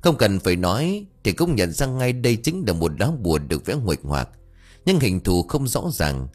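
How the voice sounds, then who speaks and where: A man narrating an audio story in a dramatic, expressive reading. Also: on the low side, normal speed, faint music behind.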